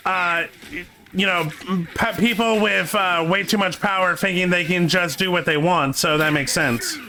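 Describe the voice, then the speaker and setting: A man from Canada chatting casually on a stream, opinionated and halting, restarting his sentences often, with faint game music behind. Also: sits high, fairly even intonation, sharp tone, a little hiss or hum. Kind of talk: casual chat.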